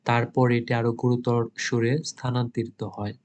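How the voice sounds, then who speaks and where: Bangladeshi guy tutoring for exams, reads english slow then translates, really flat voice. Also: medium pitch. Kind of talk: exam-prep lesson, reading notes aloud.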